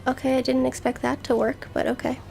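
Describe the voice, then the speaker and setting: A woman's voice: high voice, flat delivery, fairly quick, creaky, a little mellow, faint music behind. A woman playing a visual novel on stream, reading the text aloud with jokey, swearing asides. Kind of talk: casual let's-play commentary.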